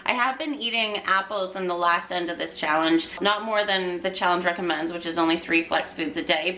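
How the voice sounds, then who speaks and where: A woman's voice: medium pitch, pushed and bright, a little hiss or hum. A woman who works in nutrition, chatting casually and upbeat to her vlog audience. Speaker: nutrition vlogger.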